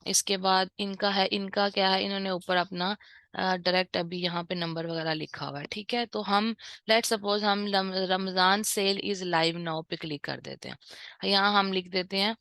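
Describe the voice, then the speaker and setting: A woman's voice: medium pitch, moderate pace, creaky, a bit bright, dry recording. A woman from Pakistan, walking students through a screen-share tutorial in a conversational way and often checking in with them. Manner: conversational, repeats "theek hai" to check in. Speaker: online course instructor.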